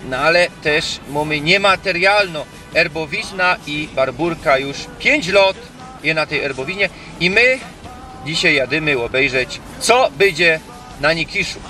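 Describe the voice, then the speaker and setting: A man's voice: fairly high pitch, bright, forceful tone. A man with a Silesian accent presenting an informal explanatory vlog in dialect. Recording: distant mic, music behind.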